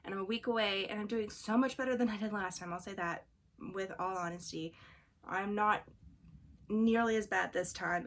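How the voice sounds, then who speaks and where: Congested young woman, gravelly rambling vlog. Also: medium pitch, a bit bright. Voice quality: throaty. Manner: rambling, many fillers and tangents. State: congested from allergies. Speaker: vlogger studying for the bar exam. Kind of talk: casual vlog chat. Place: room at home. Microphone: camera on a fixed angle.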